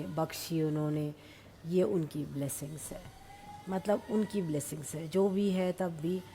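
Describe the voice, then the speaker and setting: A middle-aged woman with a slightly low voice tells devotional stories in a lively, chatty way, mixing in English phrases. Her voice carries a long reverb, as if from a large room. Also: slight background noise. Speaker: devotee sharing experiences. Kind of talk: satsang storytelling.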